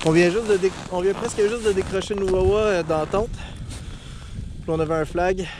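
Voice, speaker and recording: A young man with a Quebec French accent chatting casually and swearing excitedly while ice fishing. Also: sits high, moderate pace. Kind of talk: casual chat. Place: outdoors on a frozen lake, later inside an ice fishing tent. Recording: noisy outdoor camera audio.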